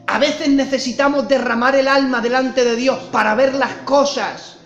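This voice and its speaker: A man preaching a sermon with passion, swinging from loud cries to hushed tones. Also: extremely high pitch, steady tone, moderate pace, echoey room, dull audio.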